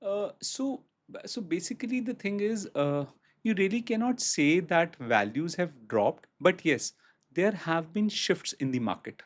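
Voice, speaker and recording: A man with an Indian accent answers as a real estate expert on a podcast, explaining haltingly and repeating phrases for emphasis. His voice sits high and sounds animated.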